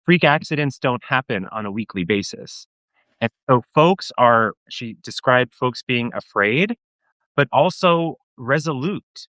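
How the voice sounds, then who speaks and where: A man's voice: medium pitch, expressive, unhurried, fairly bright tone, dry recording, rough recording. A man speaking as a guest in an interview, impassioned and often restarting his sentences. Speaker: guest, advocacy group staff. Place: remote call from Washington, DC.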